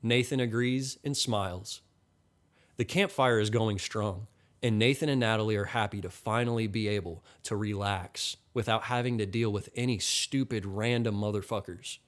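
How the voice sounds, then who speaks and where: A man reading a crude comedy story as scripted narration, deadpan. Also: on the low side, moderate pace.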